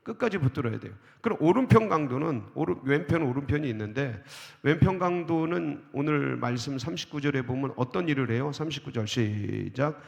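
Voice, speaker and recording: At an early-morning church service, a male pastor preaches a sermon in an expressive, medium-pitched voice with vocal fry and a darkish tone, moving briskly with hardly any pauses. He keeps asking the congregation questions, answers them himself, and reads scripture verses aloud. Recorded in the church sanctuary with long hall reverb, the audio has its highs cut off.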